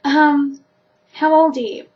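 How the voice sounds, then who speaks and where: A woman's voice: high-pitched, steady tone, slow, a little mellow. A teenage Australian girl chatting casually to camera in an informal, self-deprecating way. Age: teenager, sixteen. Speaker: vlogger answering a questionnaire. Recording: dull lo-fi sound, faint background noise.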